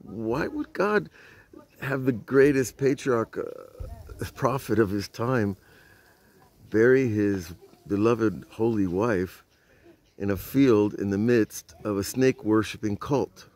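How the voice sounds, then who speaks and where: An older rabbi with a lowish, slightly mellow voice teaches Torah informally outdoors at night beside old stone walls, speaking slowly. Filmed on a phone held at arm's length, he tells the story conversationally and poses rhetorical questions to his listeners.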